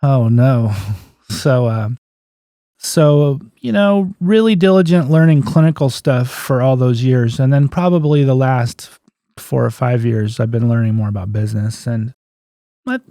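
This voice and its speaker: In an unhurried, dark-toned mid-range voice, a man in his fifties recounts stories casually as an interview guest, plain-spoken and folksy, often reenacting remembered exchanges. He is a physical therapist who owns a clinic, and the recording is clean studio sound with no echo.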